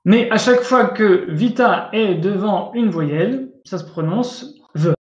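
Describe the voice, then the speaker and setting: Over a video call, a man teaches a language class online, explaining patiently, repeating himself, and frequently checking with asides that students are following. His voice is on the high side and creaky, and the recording has an echoey room with dull lo-fi sound.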